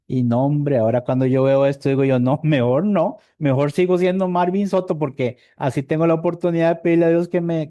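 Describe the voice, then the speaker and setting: Warm-voiced Costa Rican preacher. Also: male voice, medium pitch, no room sound, clean studio sound. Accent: Costa Rican Spanish. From Costa Rica. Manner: conversational, asks the congregation "¿verdad?" often; repeats words while searching for them. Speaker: evangelist preacher. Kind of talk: sermon.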